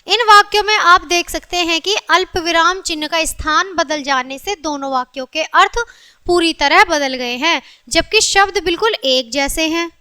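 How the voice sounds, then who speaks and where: A woman teaching a recorded grammar lesson to children, often checking whether they follow and slowing down to stress her examples. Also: very high voice, sharp tone. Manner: addresses children often, checks understanding with repeated questions; slows down and stresses example sentences.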